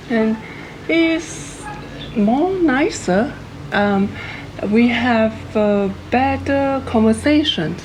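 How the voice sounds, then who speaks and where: A woman in her thirties from Malaysia, telling her story in a casual, chatty way with phrasing. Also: medium pitch. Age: 30s. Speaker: co-host. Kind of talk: casual chat. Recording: noisy background hiss.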